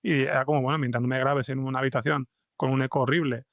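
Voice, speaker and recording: A man with a Spanish accent appears as a guest scriptwriter on a podcast, chatting informally in a casual interview and thinking aloud as he explains things. His mid-range voice is creaky and level, he talks fast, and there is no room sound.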